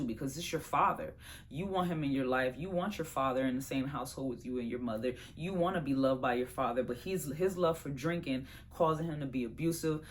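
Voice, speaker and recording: A woman chats through her favorite movies as a vlogger. She is animated and slangy, and she speaks right to her viewers. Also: very deep voice, slight background noise. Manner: animated, slangy and chatty, addresses viewers as y'all. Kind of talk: casual movie review chat.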